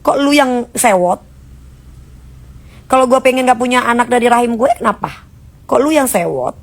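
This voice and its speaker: A woman's voice: fairly high pitch, expressive, moderate pace. A woman ranting casually on a live stream, answering viewers' comments in a blunt, mocking way. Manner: blunt and mocking, in Jakarta slang.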